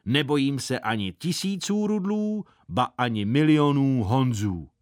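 A man voicing a calm, boastful circus elephant who talks slowly and deeply. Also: no echo, clean studio sound, lightly acted. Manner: slow, deep, drawling.

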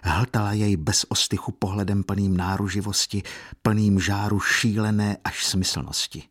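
A man narrating a novel in a steady, measured manner. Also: on the low side. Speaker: audiobook narrator.

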